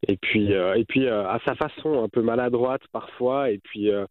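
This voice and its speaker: Over a phone line, a Swiss French-accented man in his 30s, a guest filmmaker, reflects on things for a radio interview, filling his speech with many fillers. His voice is mid-range and moves at a normal speed, and the recording is dry.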